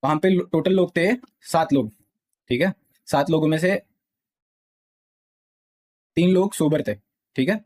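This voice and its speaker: Insistent young man, fairly high voice. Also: unhurried, long pauses, a little mellow. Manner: insistent, repeats "theek hai" often. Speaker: gaming streamer. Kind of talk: heated live-stream explanation to chat.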